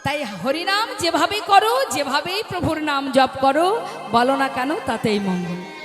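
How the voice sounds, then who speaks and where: A woman's voice: high voice, very animated, unhurried. A woman giving a devotional kirtan sermon, often putting questions to her audience and calling out chants. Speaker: kirtan preacher. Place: stage before a live audience. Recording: echoey hall with faint music.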